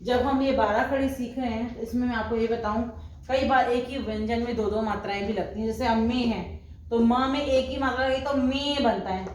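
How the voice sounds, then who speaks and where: A woman's voice: on the high side, steady tone, moderate pace. A woman teaching the Hindi alphabet, reciting syllables one at a time and patiently explaining how to write them. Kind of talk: slow recited alphabet lesson. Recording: very echoey room, faint background hum.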